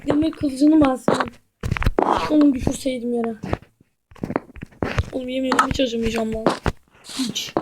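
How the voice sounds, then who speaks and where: A high-pitched woman talking through a video game in casual, chatty commentary. She swings between muttering to herself and frustrated outbursts. Loud noise and clicking sit under the whole recording. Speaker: gamer.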